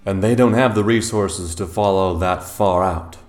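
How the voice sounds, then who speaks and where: A man's voice: low-pitched, normal speed, a little mellow, soft background music, lightly acted. An actor playing a world-weary, wisecracking male space detective who narrates in noir style and flirts with his client. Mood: flirtatious. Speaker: narrator and lead character.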